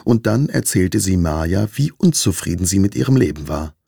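A man reads a children's story aloud with an expressive, measured delivery. His voice is very low and gravelly, with a husky grain and a lively melody. The recording is close and dry. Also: no echo. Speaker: narrator. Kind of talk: storybook reading.

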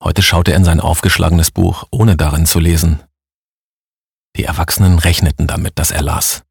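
A man reading a novel aloud in a calm, measured way. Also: low voice, creaky, breathy edge, no echo, studio quality. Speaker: narrator. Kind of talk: audiobook narration.

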